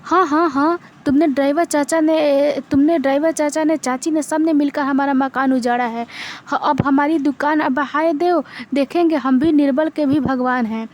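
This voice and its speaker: A woman's voice: high voice, fairly even intonation, moderate pace, a little mellow, a little hiss or hum, close to an everyday voice. A woman voicing a quarrelsome old neighbor woman, scolding in a rustic dialect. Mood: raging.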